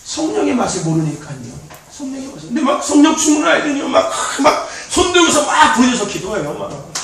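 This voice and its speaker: Youth pastor, male, animated sermon delivery, recorded far off in a very echoey church hall. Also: very high-pitched, quick pace, creaky, a crowd in the background. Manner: animated, repetitive, laughing often. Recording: very echoey, distant mic.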